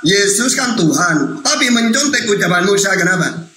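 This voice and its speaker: A man with a high voice runs a heated online debate, needling the other side with laughs and quick interruptions. His voice rings in an echoey room over steady noise. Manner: teasing, cuts in often, laughs at opponent. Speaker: host answering questions on religion.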